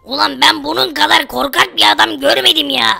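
Brief: jumpy poor young man in a Minecraft role-play, gravelly and panicky. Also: sits high, fairly quick, pushed and bright, heavily acted. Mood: mocking. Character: jumpy poor young man, "Fakir", calls friend brother.

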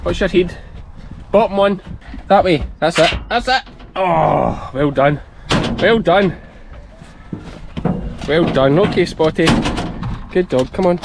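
Out in an open field, a broad-accented Scotsman in his thirties who farms sheep chats to his child and sheepdog for a relaxed vlog. He sounds high and creaky, speaking slowly with frequent pauses. An arm's-length action camera picks up the field noise around him.

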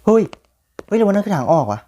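A young man giving jumpy, excitable commentary on a horror game, often repeating words when startled. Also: high-pitched, fast, a little hiss or hum. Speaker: gaming YouTuber.

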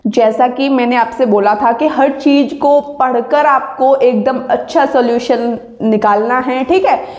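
A woman teaching grammar in an exam-prep lesson, with a high voice that takes its time over each example sentence. Her explanations are patient and end with a quick check that students follow. The recording carries a noticeable room echo. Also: darkish tone.

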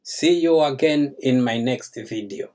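An older man raised in Zambia hosts a cooking channel, sitting in a small indoor room and talking slowly and formally to the camera. His voice is medium-pitched and somewhat dark, and he speaks to his viewers with courtesy.

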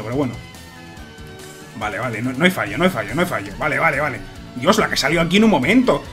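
Guy playing a game, high voice, jumpy and shouty, little bit of music underneath. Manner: excitable, shouts and repeats words when nervous. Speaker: gaming YouTuber. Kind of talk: Let's Play commentary. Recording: faint music behind.

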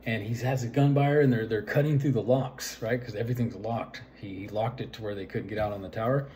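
A man's voice: lowish voice, steady tone, fast, dark tone, slight background noise. A man casually retelling a film's plot in a rambling way, full of fillers and "right?" asides. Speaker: vlogger.

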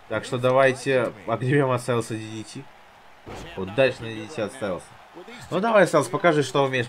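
A man commentating his own gameplay like a casual wrestling commentator, teasing and goading the wrestlers as he goes. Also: mid-range voice.

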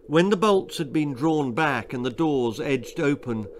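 A man in his sixties, with a fairly high, animated, unhurried voice, reads aloud his own children's horror-comedy story, theatrically savoring the gory details. He's in a small book-lined room, with music and noise in the background.

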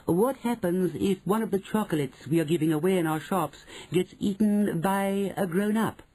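A storyteller voicing fawning, excitable female witches in a children's storybook, shrill and gushing. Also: moderate pace, close to an everyday voice, poor audio. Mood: timid. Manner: shrill, gushing chorus-like exclaiming.

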